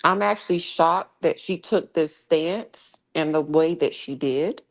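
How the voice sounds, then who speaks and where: A woman with a very low voice co-hosts a casual gossip livestream. She presses her points with emphasis and says them twice over. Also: measured pace, creaky. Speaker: co-host.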